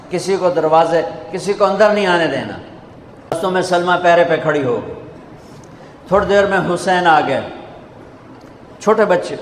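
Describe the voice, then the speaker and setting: Male preacher, emotional storyteller, a touch high, roomy hall sound with faint hiss. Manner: emotional storytelling, rising to fervent emphasis. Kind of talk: sermon. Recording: echoey hall reverb, faint background noise.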